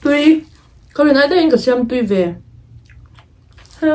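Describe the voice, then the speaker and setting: A woman's voice: high-pitched, expressive, moderate pace, a little mellow. A woman vlogging while she eats, talking with her mouth full and mumbling her words between chews. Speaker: mukbang vlogger. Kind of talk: casual eating vlog chat.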